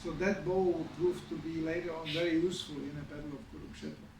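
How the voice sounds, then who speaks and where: A man with a high yet mellow voice tells a sermon story, speaking conversationally and checking in with his listeners. He sounds distant from the mic in an echoey hall. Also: fairly even intonation, fast, a little hiss or hum. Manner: conversational, many asides to the audience. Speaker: spiritual teacher giving a scripture class.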